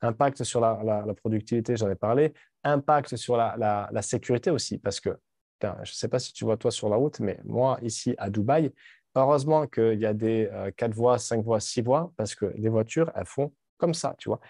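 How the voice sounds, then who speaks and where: A man's voice: lowish voice, moderate pace, warm tone, no echo, studio quality. A man in his late thirties talking frankly and casually to camera, rambling with restarts and casual swearing. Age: 30s. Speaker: vlogger. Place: home in Dubai.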